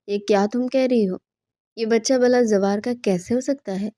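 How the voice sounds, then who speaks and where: A furious middle-aged mother, played by a woman reading the story accuses and berates her daughter. The voice stays mellow and unforced. The recording is dry and close. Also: fairly high pitch, no echo, natural voice. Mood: scolding. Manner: scolding, accusing.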